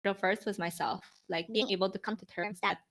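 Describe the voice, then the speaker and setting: Speaking a little fast with fairly even intonation, this woman of about twenty has a medium-pitched, fairly bright voice. She's a Filipino startup founder on a podcast, talking reflectively and informally in an interview and peppering her speech with "like" and "you know".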